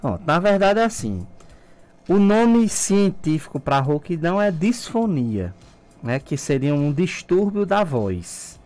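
A middle-aged ENT doctor with a Brazilian Portuguese accent is a guest in a radio studio, calmly and didactically explaining things step by step. His voice is a little high and he takes it slowly, speaking through a face mask into a studio mic.

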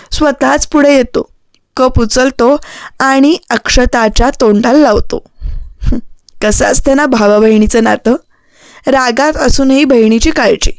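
A woman narrating an audiobook love story in a calm, even storytelling manner. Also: high voice, smooth, no room sound.

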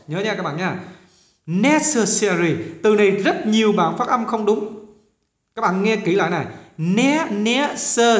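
A Vietnamese man teaching English pronunciation, repeating words slowly and coaxing his students along. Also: high voice, fairly bright tone, echoey room. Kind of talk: pronunciation lesson.

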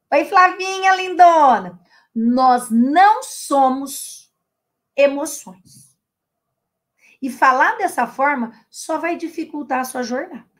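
A woman with a Brazilian Portuguese accent, a teacher of emotional intelligence, giving a casual live-stream talk. She stresses and repeats key phrases and greets viewers by name as she goes. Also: high voice. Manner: asks questions in her students' voices.

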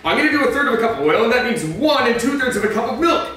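A man's voice: extremely high pitch, sing-song, rapid-fire, sharp tone. A man in a superhero costume hosting a joking cooking demonstration, chatting as he explains each step. He is recorded in a home kitchen by a far camera. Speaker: cosplay cooking host. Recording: echoey kitchen from far off, faint music.

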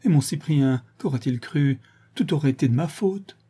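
A man's voice: a little high, moderate pace, warm tone, slightly rough, voice pushed up. A man reading an audiobook, voicing a tearful young servant woman who pleads her case in a rising voice. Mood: distraught. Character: young woman servant confessing a killing, distraught.

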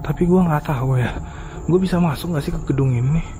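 A man's voice: a little high, fast, noisy background. A man gives casual, uneasy running commentary while exploring at night, muttering spooked exclamations. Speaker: urban explorer vlogger. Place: abandoned resort at night, outdoors and in empty halls.

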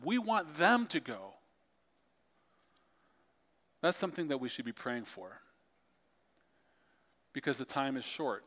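A male pastor preaching a sermon with animated storytelling. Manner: storytelling, animated swings in pitch and loudness. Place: large church hall. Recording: long church hall reverb.

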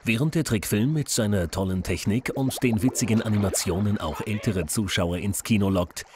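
A man narrates scripted game reviews. Music plays clearly behind him throughout. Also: on the low side.

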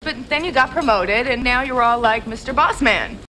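A bright blunt young friend. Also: female voice, a little high, normal speed, slight background noise, low-quality recording. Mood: matter-of-fact. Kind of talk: sitcom acting.

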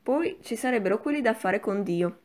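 A woman's voice: on the high side, animated, normal speed, darkish tone, lightly acted. A woman voicing an imperious old grandmother, a marchioness who speaks in a sleepy, placid but commanding way, for an audiobook. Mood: cold, placid.

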